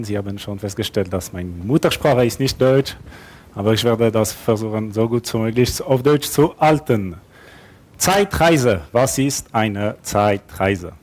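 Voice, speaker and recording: A man with a mid-range, slightly mellow voice gives a conference talk with slides in a conference hall, using a headset or lapel mic. He speaks hesitant, non-native German with grammar slips and fillers, adding light self-deprecating humor.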